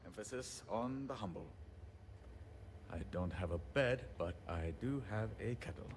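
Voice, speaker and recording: A man's voice: on the low side, expressive, background noise. An actor playing a fretful, apologetic male handyman who rambles and talks himself down, in video game dialogue. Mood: nervous, rambling. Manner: rambling, self-deprecating, quick to apologize.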